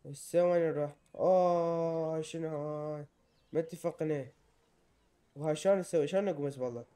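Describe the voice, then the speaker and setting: A young man with an Iraqi Arabic accent gives excitable let's-play commentary and often yells in panic while playing. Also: a little high, fast talker. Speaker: gamer.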